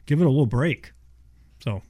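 A man's voice: medium pitch, animated, moderate pace, mellow. A man speaking as a contractor guest in a casual radio interview, explaining in a folksy way and repeating himself for emphasis. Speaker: insulation contractor, show guest.

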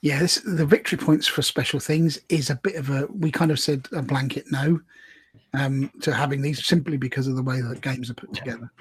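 A man co-hosting a casual podcast, chatting through army lists with quick asides and bursts of laughter. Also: mid-range voice, steady tone, husky. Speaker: podcast co-host. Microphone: remote call.

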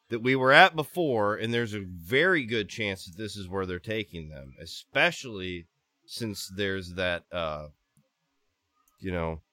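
A man's voice: sits low, sharp tone, dry recording, clean studio sound. A man playing his character in a tabletop game podcast, rambling and hesitant in a comic way. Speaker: player.

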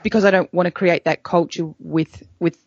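A woman's voice: on the low side, fairly even intonation, normal speed, gravelly, dry recording. A woman host asks friendly, curious questions and chips in with stories from her own family life. Her voice sits in the middle range and sounds dry and close, with a dull lo-fi tone. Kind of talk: casual interview chat.

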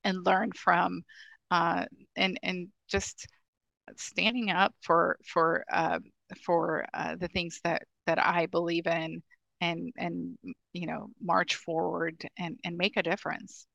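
Woman w/ ethiopian-midwestern accent, bright tense tone, dry close sound, earnest podcast guest. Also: lowish voice, little pitch movement, slow, gravelly, no echo, poor audio. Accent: mixed Ethiopian and Midwestern American. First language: Amharic. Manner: earnest, many restarts and fillers. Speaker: guest, government technology official. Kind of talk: podcast interview.

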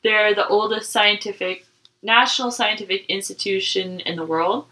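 A woman's voice: medium pitch, fairly even intonation, normal speed, pushed and bright, far from the mic, poor audio. A woman co-hosting a podcast, chatting casually and reading out trivia with frequent laughs. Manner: giggly, reads trivia aloud. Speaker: podcast co-host. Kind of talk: casual chat.

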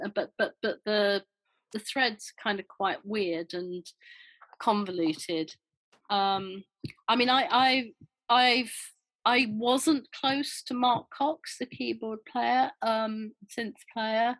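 An older woman chats through an interview about her old band days, rambling and circling back with fillers and restarts. Her voice sits at a middle pitch and is recorded close and dry. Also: fairly bright tone, dry recording, poor audio. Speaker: interview guest, former band member. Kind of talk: casual interview chat.

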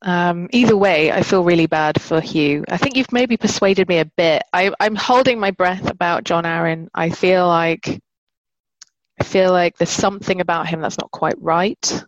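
A British woman co-hosts a podcast, chatting casually with hesitant fillers and self-mocking jokes. Her voice is on the low side and her pace moderate. The recording is dry, with the highs cut off.

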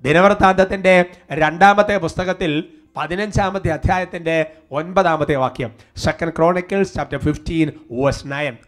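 Man, preacher, high voice, sermon, faint music underneath. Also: measured pace. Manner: fervent prayer, then steady teaching. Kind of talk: sermon with prayer and worship.

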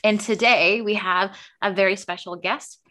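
A woman's voice: mid-range voice, fairly even intonation, moderate pace, bright, forceful tone. A woman giving a playful, theatrical introduction in the manner of a horror host.

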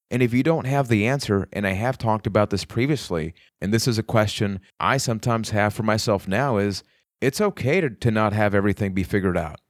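A man's voice: on the low side, no room sound, clean studio sound. A man hosting a solo podcast, talking earnestly and motivationally straight to his listeners. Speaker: podcast host. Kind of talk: reflective solo podcast talk.

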